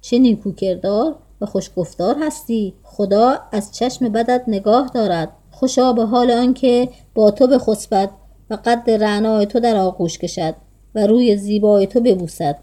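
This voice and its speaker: A woman voicing a flattering, scheming old go-between in a read-aloud tale, coaxing and sweet-talking. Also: medium pitch, close to an everyday voice.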